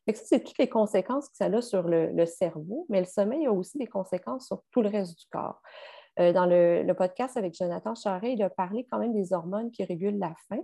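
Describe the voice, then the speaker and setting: A woman's voice: medium pitch, fairly quick, vocal fry. A woman with a Québécois French accent, explaining sleep science as a guest in a podcast conversation, with frequent fillers. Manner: explanatory, steady, many fillers.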